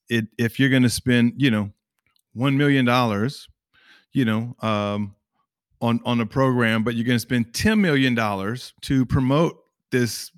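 A man in a casual panel discussion, talking haltingly with many restarts. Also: mid-range voice, no room sound, studio quality.

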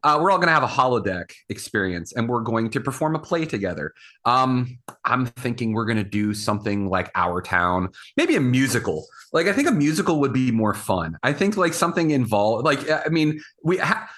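A man chatting casually as a podcast panelist, in a halting, rambling way. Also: medium pitch, very animated, fairly bright tone. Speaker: podcast panelist and executive producer. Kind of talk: casual conversational chat.

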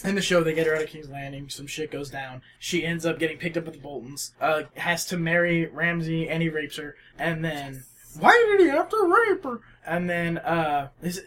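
A young man in casual chat with friends, rambling and excitable and often laughing. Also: on the high side.

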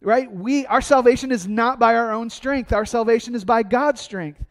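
A man preaching a sermon, energetic and conversational, asking his congregation questions and answering them himself. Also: extremely high pitch, moderate pace. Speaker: pastor.

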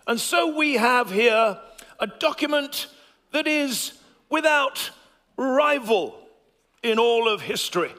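A man doing a jolly, pompous gentleman detective, his voice very high and sharply bright. He draws out his words theatrically for a church stage skit, in a hall with long reverb. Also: expressive, full character voice. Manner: plummy, theatrical, drawn-out emphasis.

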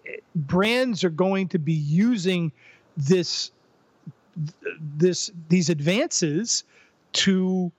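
High-voiced older man, thoughtful and halting. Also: darkish tone, no echo. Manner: thoughtful, halting restarts, repeats words while building a point. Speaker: podcast guest, psychologist and former professor. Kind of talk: conversational interview.

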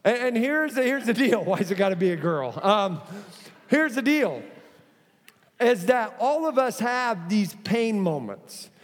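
A high-voiced pastor preaches a sermon in a large church auditorium, his words fading into long reverb. He's emphatic and relies on repetition, dropping in joking asides, with big pitch swings and an unhurried pace.

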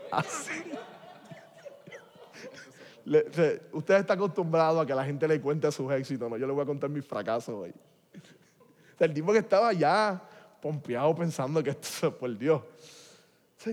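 A man preaching a testimony, telling his story animatedly and swinging from hushed to loud. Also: mid-range voice. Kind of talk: sermon testimony. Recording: long hall reverb.

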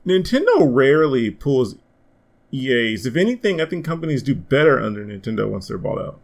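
A man hosting a casual gaming podcast, animated and swearing freely as he rants about games. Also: mid-range voice, brisk, gravelly. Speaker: podcast host.

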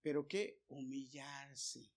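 A man preaching a sermon to his congregation, moving from loud, emphatic appeals to quiet, hushed storytelling. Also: medium pitch, little pitch movement, slow, creaky, husky. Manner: addresses listeners as brothers.

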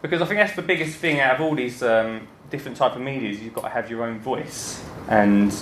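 Male speaker, Essex accent, mid-pitched, informal and jokey stage presenter, roomy sound with some background noise. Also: brisk, a bit bright. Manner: chatty, joking, self-deprecating. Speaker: gardening podcaster and speaker. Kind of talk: informal stage talk to an audience. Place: indoor talk before an audience, roomy space.

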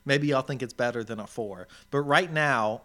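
A man's voice: medium pitch, moderate pace, pushed and bright. A man co-hosting a podcast in casual chat, informal and thinking aloud as he goes. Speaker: podcast co-host.

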